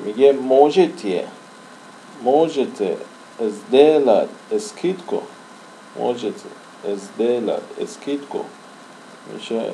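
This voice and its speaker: A man's voice: mid-range voice, warm tone, slight background noise, rough recording. A man teaching a language lesson in casual Persian-language style, repeating and drawling example words as he writes.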